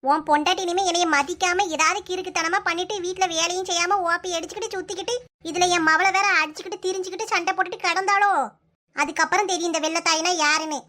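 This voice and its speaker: A bossy, sharp-tongued cartoon mother-in-law, voiced by a woman, with a Kanyakumari accent. Her voice sits extremely high and bright, and the scolding comes out in a fast, relentless stream. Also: fairly even intonation. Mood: threatening. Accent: Kanyakumari Tamil. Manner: scolding, rapid-fire nagging. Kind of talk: comic cartoon voice acting.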